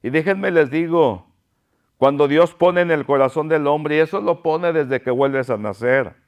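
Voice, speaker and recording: A male pastor delivers a fervent sermon. His voice sits high and sounds smooth and clear. He speaks slowly, pleading and repeating himself for emphasis. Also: highs cut off.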